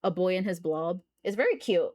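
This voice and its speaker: A woman's voice: fairly low pitch, animated, a little fast, crowd noise. A woman livestreamer chatting casually and reacting to a video in a cute, playful anime-streamer manner. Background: background music.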